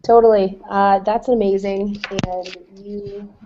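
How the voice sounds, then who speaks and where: A woman's voice: mid-range voice, fairly even intonation, slow pace, mellow, highs cut off, slight background noise. A woman from Canada hosting a casual online webinar, enthusiastic and chatty with plenty of fillers. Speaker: host. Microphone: video call.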